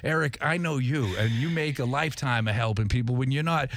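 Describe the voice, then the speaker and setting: A man's voice: medium pitch, brisk, a bit bright, no echo. A middle-aged man hosting a podcast in a studio, chatting casually and often tripping over repeated words. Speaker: podcast host.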